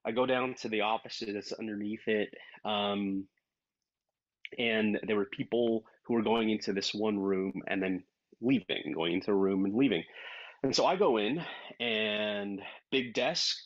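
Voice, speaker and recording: Male voice actor guest, lively storyteller, low voice, muffled dry line. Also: unhurried, no room sound. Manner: animated, acts out quoted dialogue. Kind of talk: casual interview storytelling. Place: based in Los Angeles.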